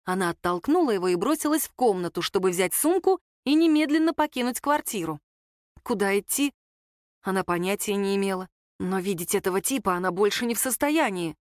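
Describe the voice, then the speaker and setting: A woman reading a novel aloud in calm, even audiobook narration. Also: medium pitch, brisk, no echo, studio quality. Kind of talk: scripted narration.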